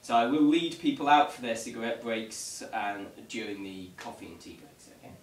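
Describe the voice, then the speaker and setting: This ghost tour guide sounds animated, with a mid-range voice at normal speed, as he briefs his vigil group informally. There's a wry, mock-formal dryness to how he talks. A camera mic placed at a distance picks him up in an echoey room, with faint background noise.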